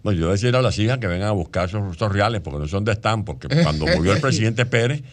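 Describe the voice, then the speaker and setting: Man, low-pitched guest author, talks at length in explanations. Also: animated, rapid-fire. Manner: long explanatory answers. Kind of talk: radio interview.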